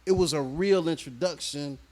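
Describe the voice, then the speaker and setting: Laid-back man, slightly high voice. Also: normal speed, darkish tone. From born in Nigeria, raised in Houston, Texas. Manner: laid-back, slang-heavy, keeps checking in with the listener. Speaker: rapper, interview guest. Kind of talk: casual interview storytelling.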